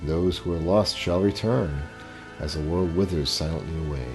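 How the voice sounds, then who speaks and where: A man's voice: extremely low pitch, moderate pace. A man voicing a smug, grandiose mustache-twirling villain from a video game, theatrical and gloating. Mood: grandiose menace. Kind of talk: reading video game dialogue aloud. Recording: game music behind the voice.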